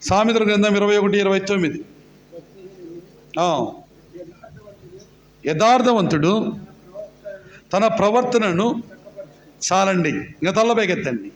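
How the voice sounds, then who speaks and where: A man preaching a sermon, questioning the congregation and urging them to answer loudly. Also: high-pitched, animated, slow pace, long pauses. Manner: questions the congregation and urges loud replies. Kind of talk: call-and-response sermon. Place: church meeting hall. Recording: echoey hall.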